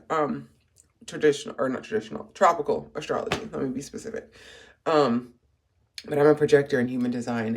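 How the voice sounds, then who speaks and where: Gravelly just-woke-up voice, life coach in their 30s chatting on a morning vlog, lots of ums and restarts. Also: mid-range voice. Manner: rambling, reflective, many fillers and restarts. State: groggy morning voice after little sleep.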